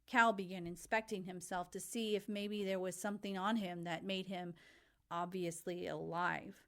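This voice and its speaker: A woman's voice: fairly low pitch, steady tone, normal speed, a bit bright. A woman reading a novel aloud as narrator, in a plain manner with small self-corrections. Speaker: audiobook narrator.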